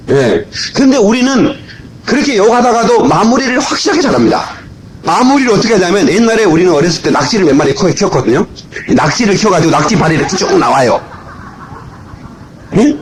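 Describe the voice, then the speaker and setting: A man preaching a lively, humorous sermon as a pastor, shouting his punchlines, recorded on an old cassette in a church full of people. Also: high-pitched, poor audio. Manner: animated, shouting punchlines, playful asides. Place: church sanctuary. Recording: old cassette tape of a live church service with congregation. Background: congregation laughing and responding.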